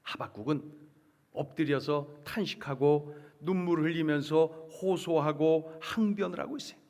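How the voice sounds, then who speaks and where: Man, pastor, sermon, high voice, emphatic, rhetorical questions, hushed-to-loud swings, long reverb. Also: moderate pace.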